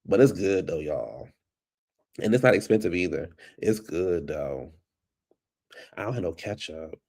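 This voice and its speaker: A deep-voiced man with a stuffy nose and a fading voice hosts a casual vlog from his home computer, rambling loosely on his own and calling his audience "baby." He speaks a little slowly, and his voice is animated and a little mellow.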